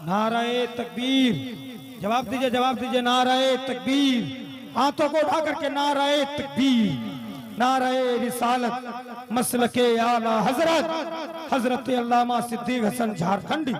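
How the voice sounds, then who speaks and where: Male stage announcer, very high voice, slow chanted slogans over a loud crowd. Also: fairly even intonation. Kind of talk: calling slogans to a gathering. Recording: live gathering with crowd noise.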